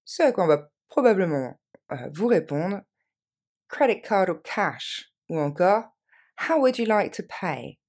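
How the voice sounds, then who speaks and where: Lively French woman teaching English. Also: fairly low pitch. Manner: models English phrases slowly and quickly for repetition. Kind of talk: language lesson with repeated model phrases.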